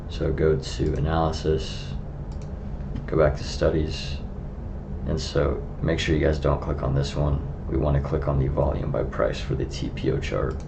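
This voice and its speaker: A man's voice: extremely low pitch, level tone, moderate pace. A man sounding muffled and congested from being sick, giving a casual step-by-step screen tutorial as an instructor. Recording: clearly audible background noise.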